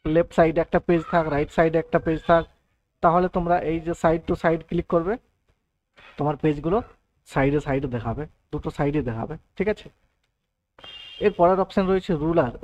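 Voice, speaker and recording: A man talks quickly through a software lesson, walking through each option one step at a time and often checking that his listeners are following. His voice sits a little high for a man, and the recording sounds muffled and lo-fi. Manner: explains step by step, often adds "thik ache" and "right". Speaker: computer tutor. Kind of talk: screen-recorded software tutorial.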